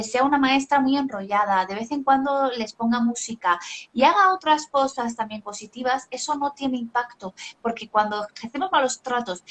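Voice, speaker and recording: A middle-aged woman talks over a video call, explaining parenting ideas in a steady teaching manner. Her voice sits a little high, and she works through points with examples. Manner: didactic, uses examples and acted quotes. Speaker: parenting author and educator. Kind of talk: explanatory talk in a live video chat.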